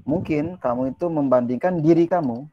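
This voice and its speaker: A man teaching a casual language lesson. He reads English lines slowly, explains them in quick, chatty Indonesian, and asks his listeners rhetorical questions. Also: fairly high pitch, dark tone, muffled recording, slight background noise.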